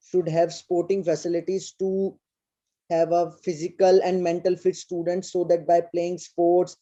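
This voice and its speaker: A young male college student answers his teacher in an earnest, polite way, hesitating often. His voice is very dark and monotone, and the recording sounds dull and lo-fi. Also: high voice. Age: young adult. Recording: dull lo-fi audio.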